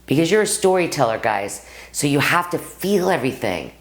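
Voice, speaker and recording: A woman's voice: low-pitched, normal speed, faint music behind. A middle-aged woman acting coach teaching straight to the camera, talking to her viewers as "guys" and acting out stories from her own life. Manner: lively, addresses viewers as "guys", acts out anecdotes. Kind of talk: direct-to-camera acting lesson.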